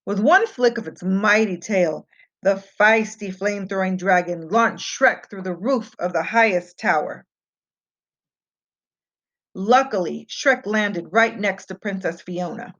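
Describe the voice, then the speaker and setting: A storybook reader narrates a scripted fairy tale for children, stressing words expressively like a storyteller. Her middle-pitched, fairly bright voice keeps a measured pace, and the home recording sounds somewhat dull and lo-fi.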